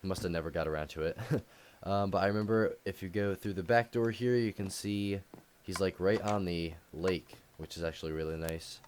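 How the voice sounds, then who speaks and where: A young man casually touring his game world, rambling with frequent ums and soft laughs. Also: low-pitched, brisk, a little hiss or hum. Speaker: gaming YouTuber. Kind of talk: casual game tour commentary.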